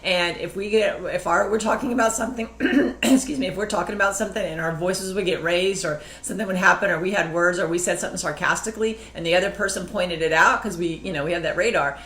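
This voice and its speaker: A middle-aged woman co-hosts a casual talk about marriage, telling stories in a chatty way and acting out what people said. Her voice is on the low side and a bit bright, quick with few pauses. The room is echoey with faint ambience.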